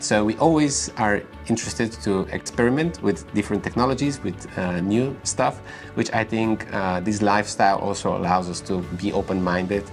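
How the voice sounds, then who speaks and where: A man from Bulgaria, in his thirties, answering interview questions about his work in a measured way with frequent pauses. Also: low voice. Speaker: company founder and YouTuber. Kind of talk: interview answers and direct-to-camera talk.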